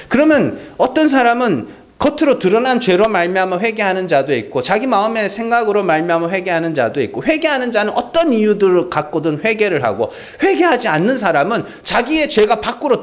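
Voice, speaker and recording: A male pastor preaching a Sunday sermon, asking rhetorical questions and acting out mocking dialogue. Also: high-pitched.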